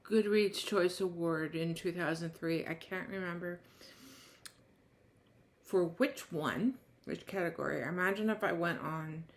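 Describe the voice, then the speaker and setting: A woman with a lowish, slightly slow voice reviews a book in a casual chat. She reads the blurb aloud, then rambles loosely, restarting often and letting thoughts trail off.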